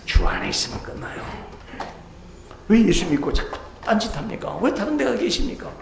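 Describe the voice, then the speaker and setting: A male pastor delivers a sermon with a gravelly voice, leaping from soaring cries to soft, near-whispered asides and peppering the congregation with questions. His pitch rises and falls over a wide range. The sound carries through a reverberant church hall with faint background noise. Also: sing-song, moderate pace. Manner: preaching with sudden swings from loud exclamations to soft, hushed asides. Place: church sanctuary.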